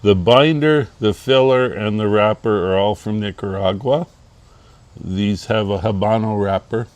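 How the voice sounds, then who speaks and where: A man's voice: on the low side, measured pace, no echo. A man co-hosting a cigar review, chatting casually outdoors and explaining with lots of fillers. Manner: relaxed, explains with many fillers. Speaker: co-host of a cigar review channel. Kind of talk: casual chat.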